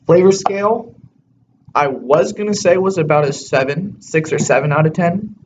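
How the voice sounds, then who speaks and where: A man's voice: on the high side, normal speed, darkish tone. A man chatting casually as a co-host in a product review, blunt, crude and slangy, talking with a lip full of chewing tobacco. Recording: dull lo-fi audio with faint background noise.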